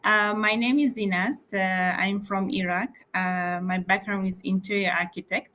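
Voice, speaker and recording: A young woman who grew up in Malaysia describes her work as an interior architect in a casual video-call interview, full of fillers and restarts. Her mid-range voice is bright and forceful, with fairly even intonation and a moderate pace.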